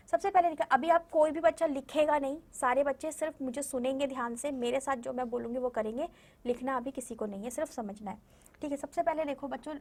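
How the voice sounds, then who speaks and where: High-voiced patient woman teaching children. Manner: patient, repeats words and sounds slowly, asks children questions. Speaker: primary school Hindi teacher. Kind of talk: recorded online lesson for young children.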